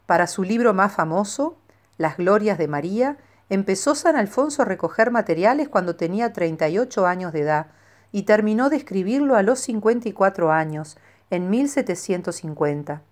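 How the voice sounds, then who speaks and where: A woman calmly reading a scripted devotional life of a saint in a measured way. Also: mid-range voice. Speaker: narrator.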